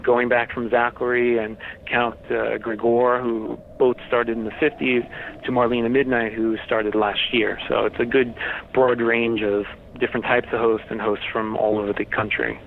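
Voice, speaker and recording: A man's voice: mid-range voice, little pitch movement, moderate pace, gravelly. A man gives a casual interview as a guest, explaining in a matter-of-fact manner. He sounds thin and tinny, as if over a phone line, with faint noise in the recording. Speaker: interview guest, horror host website runner.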